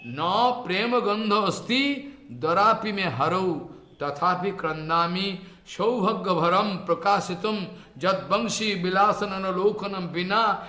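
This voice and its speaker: A man giving a spiritual lecture in short, halting phrases, chanting verses slowly. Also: high-pitched, pushed and bright, reverberant.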